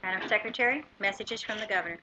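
A woman's voice: mid-range voice, very fast. An American woman presiding over a legislative session, giving formal procedural directions to the chamber. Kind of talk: parliamentary procedure. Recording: dull lo-fi chamber recording, faint noise.

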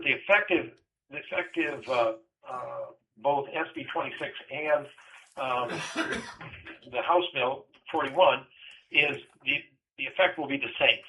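A man testifies to a committee over the phone, his bright, forceful voice made dull by the lo-fi line. He speaks haltingly, stopping often on "uh" and restarting his phrases. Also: medium pitch. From Alaska. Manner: halting, many uh fillers and restarts. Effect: heard over the phone. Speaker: public testimony caller.

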